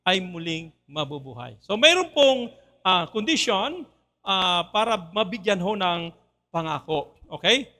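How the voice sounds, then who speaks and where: High, bright Filipino preacher. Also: male voice. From Philippines. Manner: switches between Tagalog and English, asks the congregation questions. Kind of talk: sermon. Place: church.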